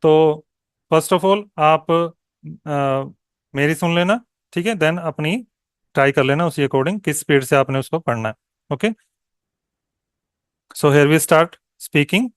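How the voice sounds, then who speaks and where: Higher-voiced tutor, smooth and clear. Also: male voice, dry recording, clean studio sound. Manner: mixes Hindi and English, checks in with frequent "okay?"; slow, deliberate when modelling answers. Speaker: exam coaching tutor. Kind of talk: online exam-prep lesson.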